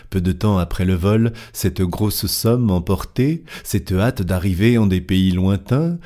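Low, mellow-voiced male narrator. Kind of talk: audiobook narration of a classic novel.

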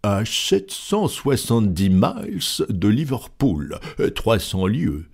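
A man playing a cool, formal gentleman from a storybook, giving orders in slow, measured phrases. The voice stays unruffled, with a gravelly, husky grain underneath. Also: mid-range voice, very animated, pitched above the performer's own voice, heavily acted. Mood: calm. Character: imperturbably calm English gentleman, male, middle-aged.

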